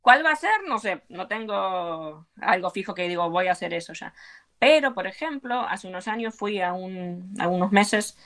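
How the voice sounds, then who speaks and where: With lively intonation and a medium-pitched, slightly bright voice, this woman talks at a normal speed. She's an Argentine belly dance teacher with an Argentine Spanish accent, giving an earnest, encouraging interview full of fillers.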